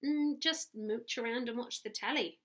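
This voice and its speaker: A woman with a New Zealand accent voicing a bookish four-year-old girl in a read-aloud story, soft and polite. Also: on the high side, moderate pace. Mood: wistful. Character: bookish little girl, four, quiet and earnest.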